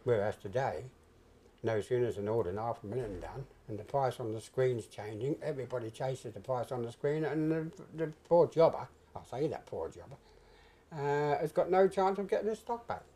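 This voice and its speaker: Older British male interviewee, soft mellow tone, hesitant conversational recollection with emphatic repeats. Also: medium pitch, animated, normal speed. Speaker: interviewee, retired stock jobber. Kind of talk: reminiscing in an oral history interview.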